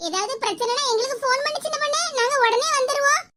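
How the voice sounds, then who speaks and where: A woman's voice: very high-pitched, fast. A woman voicing a friendly, gossipy village neighbour in a cartoon, with a Tirunelveli Tamil accent. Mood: concerned. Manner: gossipy, teasing. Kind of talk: cartoon voice acting. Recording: noisy cartoon audio.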